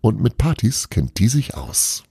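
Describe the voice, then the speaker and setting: A cheeky storybook girl who teases and insists on her fantastic tales, as a male narrator puts her on. The voice bounces around with lively melody, set on a deep, gravelly base with a husky edge. Dry, close sound. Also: unhurried, no room sound, exaggerated voice. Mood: insistent. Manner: playful, teasing, insistent. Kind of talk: storybook reading.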